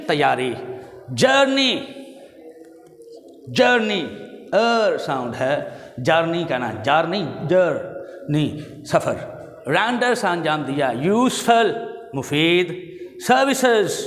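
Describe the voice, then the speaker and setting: A man with a Pakistani accent teaching English vocabulary to students. He says each English word slowly, gives its Urdu meaning, and corrects pronunciation. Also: a little high, roomy sound, in a large hall. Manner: corrects pronunciation and drills words.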